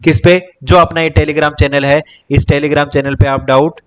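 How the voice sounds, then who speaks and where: A man's voice: on the high side, flat delivery, unhurried, smooth. A young man teaching exam topics in a casual lecture, repeating points and calling viewers "bhai" as he lists and counts. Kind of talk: casual Hindi-English exam coaching lecture.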